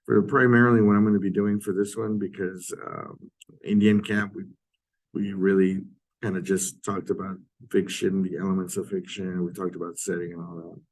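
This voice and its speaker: A man giving an informal recorded literature lecture in a halting way, often clearing his throat, his voice hoarse and giving out from a sore throat. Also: low voice, little pitch movement, darkish tone, rough recording.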